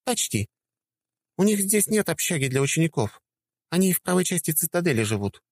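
Man doing a bright young woman, high and lively, teasing and upbeat, dry close sound. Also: brisk, no echo. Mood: cheerful.

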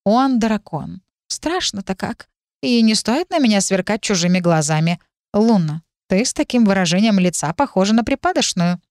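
A woman's voice: mid-range voice, animated, moderate pace, darkish tone, dry recording, studio quality, lightly acted. A woman voicing a sly, sarcastic male cat familiar who talks in a purring, mocking way.

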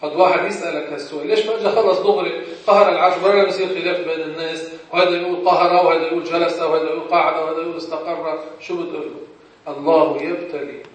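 A man with a Levantine Arabic accent gives a religious lesson in a voice pitched a little high. He asks rhetorical questions and answers them himself. He sounds distant, caught by a far-off mic in a very echoey room. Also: steady tone, very fast. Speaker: religious teacher.

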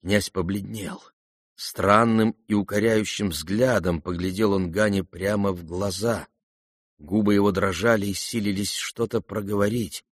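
A man reading a classic novel aloud in a measured, expressive narration. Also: on the low side, no echo, clean studio sound. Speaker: audiobook reader. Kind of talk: scripted literary narration.

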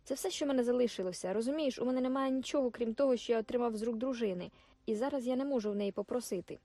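A woman's voice: a little high, racing, dark tone, no room sound, close to an everyday voice. A woman reading as a brusque young soldier husband. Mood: hurried. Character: brash dismissive young male soldier husband.

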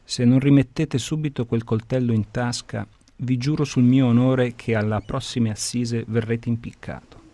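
A man reading the lines of an unflappable gentleman doctor and magistrate, calm and firm, in a radio book reading. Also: medium pitch, normal speed, no room sound. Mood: stern calm. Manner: calm, firm, even-toned.

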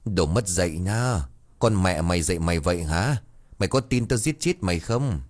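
A man's voice: low-pitched, expressive, normal speed. A man voicing a drunk, violent middle-aged father who snarls threats in a storybook reading. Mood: furious.

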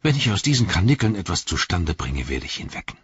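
A man reading a gruff, blunt hobbit. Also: deep voice, very animated, fast talker, a bit bright, highs cut off, exaggerated voice. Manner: blunt and grumbling. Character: stout-hearted gruff male hobbit servant. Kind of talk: audiobook character voice.

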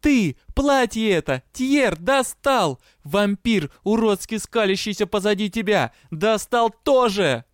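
A man's voice: sits high, moderate pace, smooth, dry recording, studio quality, pitched above the performer's own voice, close to an everyday voice. A man doing a furious young vampire woman. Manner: shouting, scornful, threatening. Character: furious young female vampire, sharp-tongued and fearless.

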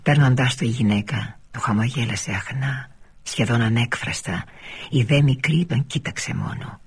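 A man reading a literary novel aloud for radio, in a measured way that often sinks to a near-whisper. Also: mid-range voice, breathy edge. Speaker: reader.

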